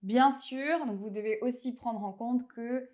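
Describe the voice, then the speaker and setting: A woman from France with a French accent, teaching a language lesson in a clear, didactic way and slowing down to spell out pronunciations. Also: a little high, a little mellow.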